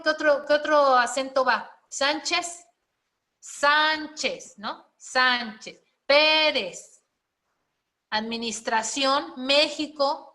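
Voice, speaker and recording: A woman explains spelling and writing to her class one step at a time, regularly asking questions to check in. Her voice is fairly high and a bit bright.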